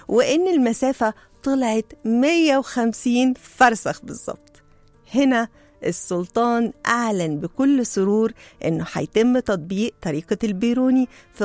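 A woman's voice: medium pitch, a little mellow, no echo. Egyptian woman telling a story. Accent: Egyptian Arabic. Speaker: storyteller host. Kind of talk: storytelling narration.

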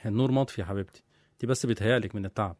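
A teasing young husband in an Egyptian audio drama, played by a man jokes and soothes in rapid Egyptian Arabic. He speaks at a very fast pace. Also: lowish voice, darkish tone, no echo, clean studio sound, lightly acted. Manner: joking, then soothing.

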